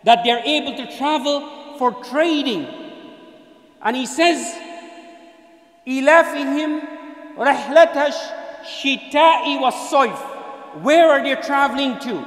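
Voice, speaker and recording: A man's voice: very high-pitched, fairly bright tone. A middle-aged man giving a Friday sermon at a mosque, emphatic and gesturing, chanting Arabic verses between his points. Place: mosque prayer room, indoors. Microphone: desk mic on stand. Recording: echoey hall with long reverb.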